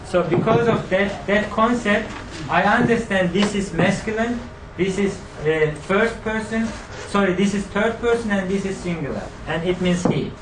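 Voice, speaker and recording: A man with a high voice delivers a grammar lecture at a moderate pace with hardly any pauses, quizzing students and echoing their responses. He's recorded from a distance in an echoey room against a noisy background.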